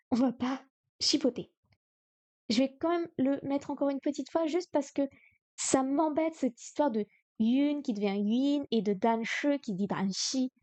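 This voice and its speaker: Woman streamer, mellow and dry-sounding, talks through a lesson hesitantly, full of fillers. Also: on the high side, no echo. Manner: thinks aloud, hesitant, many fillers. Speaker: streamer learning Chinese. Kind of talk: live-streamed study session.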